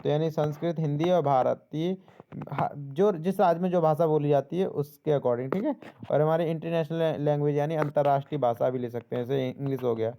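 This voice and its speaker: A man's voice: fairly high pitch, steady tone, brisk, warm tone, smooth. A young man tutoring exam questions in a casual spoken lesson, repeating each answer back and checking in with the listener. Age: young adult. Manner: repeats answers and asks "ठीक है?" often, restarts words.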